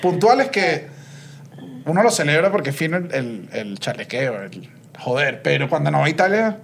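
Venezuelan male co-host, high-pitched, animated storyteller, casual podcast banter. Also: moderate pace, gravelly, a little hiss or hum. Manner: animated storyteller, acts out quoted voices. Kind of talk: casual chat.

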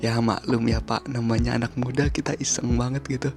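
A man tells a story as a caller, chatty and lively, acting out the shouts. His voice has a gravelly, creaky edge. Music plays clearly behind him. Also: mid-range voice, a little fast. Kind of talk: casual storytelling. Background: music playing.

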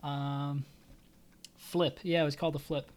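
A man's voice: a little high, level tone, unhurried, smooth. A man co-hosting a podcast in casual chat, laid-back and enthusiastic, full of slang. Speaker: podcast co-host.

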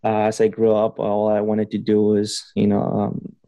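A Honduran PhD student, young and male, guests on a podcast in a mellow, lowish monotone at a moderate pace, recorded with no room sound. He rambles casually, laughing a lot and filling his talk with fillers and restarts.

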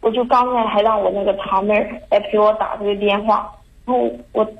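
A young woman calling in to a talk show, talking in an anxious, halting way with many restarts. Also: medium pitch, steady tone, highs cut off. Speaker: caller. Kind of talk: call-in confession.

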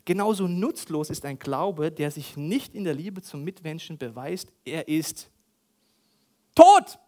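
A preacher, giving a lively sermon with loud outbursts, soft asides and provocative questions to the congregation. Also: male voice, a little high, a little slow.

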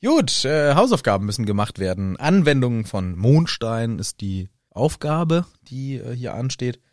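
A man's voice: mid-range voice, big pitch swings, a little slow, dry recording, studio quality. A man co-hosting a casual podcast, retelling a book with jokes, laughter and silly put-on voices. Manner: joking, laughs often, puts on silly voices. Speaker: podcast co-host.

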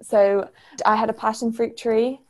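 A woman's voice: on the high side, little pitch movement, measured pace. Enthusiastic young woman chatting as guest. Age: young adult. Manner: enthusiastic, descriptive. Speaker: podcast guest, former language assistant. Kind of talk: casual chat.

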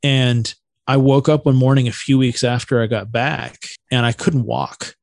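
A man, a stand-up comedian guest, telling anecdotes in a casual, slangy, animated way. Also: mid-range voice, moderate pace, creaky, no room sound. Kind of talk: casual storytelling.

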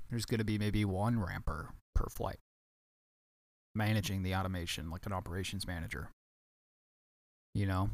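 A man with a fairly low voice talks through a casual solo podcast episode, looping back and correcting himself as he goes. He sounds a little tired, and the recording is dry and close with no room sound. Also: dry recording. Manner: rambling, many restarts and self-corrections. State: tired, yawning. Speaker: podcast host, former baggage handler.

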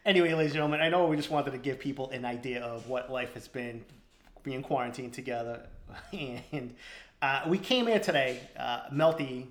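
Man hosting a podcast, chatty and rambling, average pitch, roomy echo. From East Boston. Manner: rambling, laughs often. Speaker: podcast host. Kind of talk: casual podcast chat.

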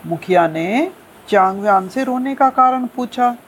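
Slow, lively, husky-voiced woman storyteller. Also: a little high, slight background noise. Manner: lively, expressive, slow-paced telling. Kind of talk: storytelling narration.

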